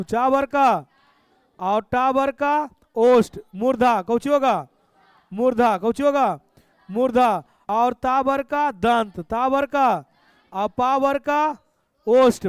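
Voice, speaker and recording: A man's voice: very high voice, clear, resonant tone, no echo, clean studio sound. A male teacher, quizzing students through exam questions and repeating the answers to drive them home. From Bihar, India. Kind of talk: exam-prep lesson.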